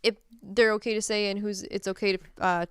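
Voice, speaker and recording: A woman's voice: medium pitch, little pitch movement, fairly quick, clear, resonant tone, dry recording, clean studio sound. A woman co-hosting a podcast in casual chat, talking in a rambling way and laughing often. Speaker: podcast co-host. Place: Massachusetts.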